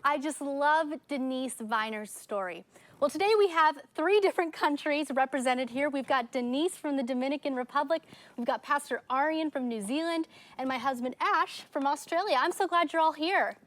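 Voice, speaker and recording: Upbeat high-voiced woman host. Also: moderate pace, a bit bright. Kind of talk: hosting a panel discussion.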